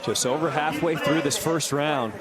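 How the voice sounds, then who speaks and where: A man calling live combat sports as play-by-play commentator with a booming, dramatic announcer delivery. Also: normal speed. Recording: loud crowd noise behind. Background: roaring arena crowd.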